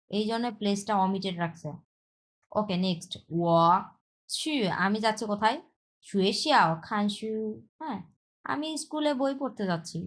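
Woman teacher, Bengali, explaining Chinese grammar in a repetitive, step-by-step online lesson. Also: mid-range voice. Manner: explains step by step, repeats herself, checks with "হ্যাঁ".

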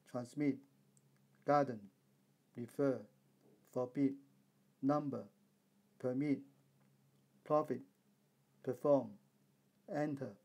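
A man narrating a recorded English lesson, working through spelling rules and spelling each word out letter by letter in a steady, methodical way. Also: mid-range voice. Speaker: English teacher.

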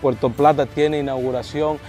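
A man in his thirties with a Dominican accent, interviewing outdoors at a baseball field on a lapel mic, playful and animated. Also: mid-range voice, moderate pace, faint music behind. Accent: Dominican Spanish. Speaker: sports reporter and host.

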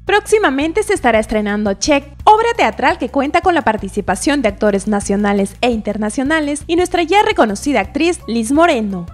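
Lively female news voice-over. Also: high voice, a little fast, few pauses, faint music behind. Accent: Peruvian Spanish. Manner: lively, announcer-like. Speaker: news reporter.

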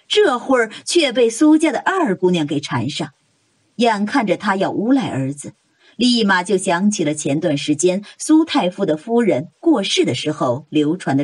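Expressive husky woman narrator. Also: medium pitch, dry recording. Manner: expressive, dramatic storytelling. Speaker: audiobook narrator. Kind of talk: scripted novel narration.

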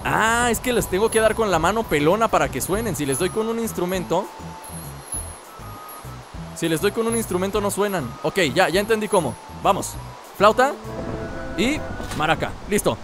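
High, lively Mexican man gaming. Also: moderate pace, pauses often, music in the background. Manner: playful, jokey, talks to viewers while playing. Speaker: gameplay commentator. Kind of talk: casual gaming commentary.

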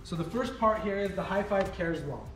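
A man in his thirties giving a relaxed walking tour of his company's warehouse and offices, with frequent fillers. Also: high voice, normal speed, distant mic. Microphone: camera following him, mic at a distance. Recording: echoey rooms, voice a bit off-mic, soft music underneath.

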